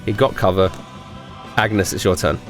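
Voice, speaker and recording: A man's voice: sits low, normal speed, over music. A man acting as game master, casually narrating and ruling on a tabletop role-playing game.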